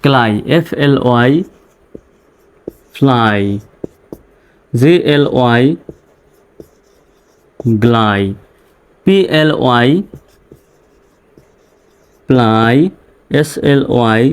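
A man with a Bangladeshi accent teaching English phonics, spelling out letters and then sounding each word in slow, patient drills. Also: medium pitch, fairly even intonation, clean tone.

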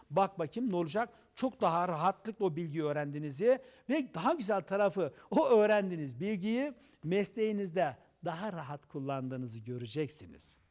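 A man hosting a TV program on education, lecturing with strings of rhetorical questions. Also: high-pitched. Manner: lively, rhetorical questions in long runs. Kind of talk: motivational lecture on TV.

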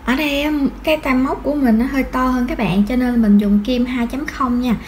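A woman's voice: high voice, fairly even intonation, fairly quick, slight background noise. A woman giving patient step-by-step crochet instruction, counting stitches aloud. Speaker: crochet tutorial host.

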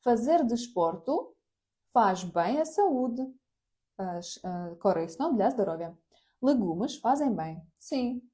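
A woman with a soft, mellow voice leads a casual online language class. She explains phrases patiently and laughs easily between examples. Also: medium pitch. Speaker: Portuguese language teacher. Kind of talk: live online lesson, reading chat replies.

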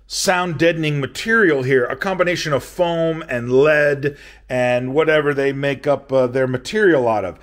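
A man's voice: a little high, a bit bright. An older man narrating a boat repair how-to in a plainspoken, matter-of-fact way in an indoor workshop, filming himself up close. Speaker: boat restoration vlogger.

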